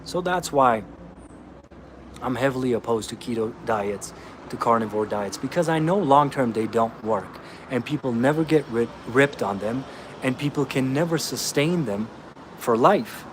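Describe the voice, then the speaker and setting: A man's voice: medium pitch, animated, moderate pace, noisy background. A man from Austria, a fitness coach answering viewer comments in a blunt, emphatic way, calling listeners bro.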